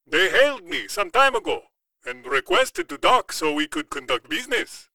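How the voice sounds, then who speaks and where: A man voicing a cautious, businesslike alien male merchant in a storybook, speaking slowly and deliberately. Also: a little high, wildly swooping pitch, pushed and bright, no echo, pitched above the performer's own voice, exaggerated voice, rough recording. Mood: wary.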